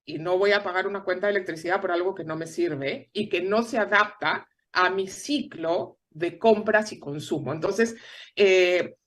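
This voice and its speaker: A woman from Peru with a Peruvian Spanish accent, a guest explaining things in measured interview answers with frequent tag questions. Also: lowish voice. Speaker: guest analyst.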